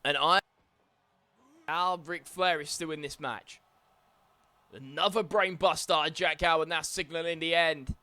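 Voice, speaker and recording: Bright-voiced man calling wrestling play-by-play. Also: a little high, unhurried, pauses often. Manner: excited calls with frequent exclamations. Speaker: video game commentator. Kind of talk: play-by-play wrestling commentary over gameplay.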